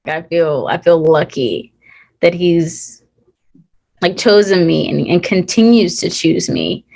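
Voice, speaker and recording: Earnest young woman, heartfelt and halting. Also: lowish voice, gravelly, darkish tone. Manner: earnest and heartfelt, many fillers and restarts. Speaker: guest, actor. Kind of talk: casual interview.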